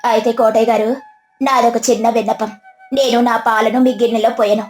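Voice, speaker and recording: A woman's voice: fairly high pitch, little pitch movement, normal speed, darkish tone, faint music behind, natural voice. A woman voicing a clever young farmer's wife who speaks politely but firmly. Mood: pleading. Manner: polite but firm, turning stern.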